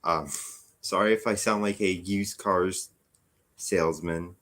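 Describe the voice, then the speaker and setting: A man's voice: sits low, steady tone, measured pace, fairly bright tone. An American man hosting a casual news podcast, sounding tired and rambling, often restarting his sentences and making chatty asides to his viewers. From United States. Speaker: podcast host. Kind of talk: casual news-commentary monologue.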